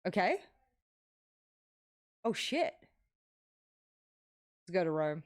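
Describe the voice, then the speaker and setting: A young woman thinks aloud on a live stream while she plays. She is excitable and curses a lot, and her commentary runs casual and unscripted. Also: fairly low pitch, very slow. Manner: excitable, swears a lot, talks to herself while playing.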